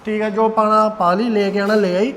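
A man acting a husband in a family drama, speaking calmly and offhandedly. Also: high-pitched, fairly quick, long reverb tail, slight background noise.

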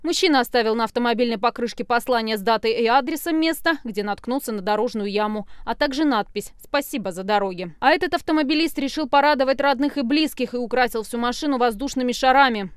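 A woman correspondent reading a scripted news review of road accidents in a brisk newsreader delivery. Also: a little high, clear, resonant tone.

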